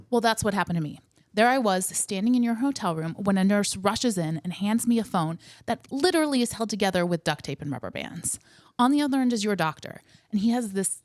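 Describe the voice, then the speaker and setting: A woman's voice: medium pitch, no echo. Woman podcast co-host, wry storyteller, dry close sound.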